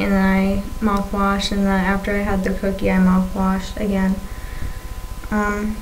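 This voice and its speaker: A young woman gives a casual vlog update in an unhurried way. Her words come out lisped and thick, as she works around a fresh tongue piercing. The webcam recording in a small room carries some background noise. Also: mid-range voice, rough recording. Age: young adult. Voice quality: lisping, thick-tongued speech from a swollen, newly pierced tongue. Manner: halting, labored articulation. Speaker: video blogger. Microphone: webcam at arm's length. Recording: faint-to-clear noise on webcam audio.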